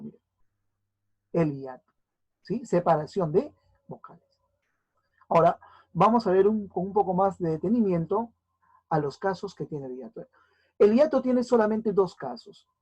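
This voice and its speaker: A woman's voice: lowish voice, darkish tone, slightly rough. A woman teacher giving a recorded grammar lesson, sounding words out syllable by syllable and often checking that her students follow. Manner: spells out syllables slowly, often checking understanding.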